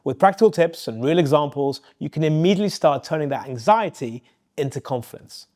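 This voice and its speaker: A man's voice: fairly high pitch, animated, fairly quick, a little mellow. A man in his forties hosting a podcast, asking probing questions in a friendly way and reading his own promo. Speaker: podcast host and interviewer. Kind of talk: interview questions and ad read.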